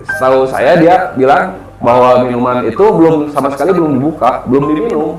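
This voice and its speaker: A man's voice: medium pitch, fairly quick. A man, casually telling a ghost story as a guest and acting out the people he quotes. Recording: roomy echo with music behind.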